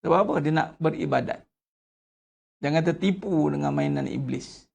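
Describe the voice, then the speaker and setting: Man, high voice, gravelly texture, animated sermon, rhetorical questions. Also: normal speed. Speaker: religious teacher.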